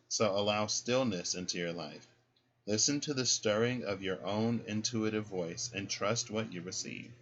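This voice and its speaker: A fairly low-pitched man offers a casual, spiritual tarot reading, calmly explaining each card and regularly tagging "right?" onto his points. It's captured in dull, lo-fi sound.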